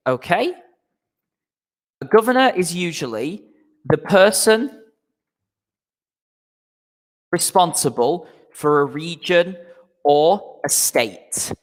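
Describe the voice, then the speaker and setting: A man's voice: sits high, big pitch swings, long reverb tail. Patient man teaching an online class. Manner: patient, repeats "okay?" often, slow explanations. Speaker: English teacher. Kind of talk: live online English lesson.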